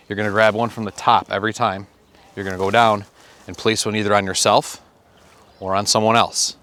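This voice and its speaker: A man's voice: lowish voice, fairly bright tone. A man hosting a competition game, explaining the rules and then calling the action play by play. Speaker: game host.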